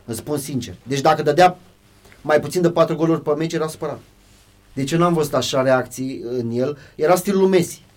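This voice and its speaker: A man who played professional football, chatting casually and telling animated stories, often addressing the host by name. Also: a little high. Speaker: former footballer guest. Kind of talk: casual podcast chat.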